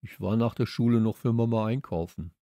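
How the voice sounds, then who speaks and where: A man's voice: on the low side, brisk, warm tone, no echo, studio quality, natural voice. A man voicing a good-natured schoolboy in a children's audiobook, talking in loose street slang. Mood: casual.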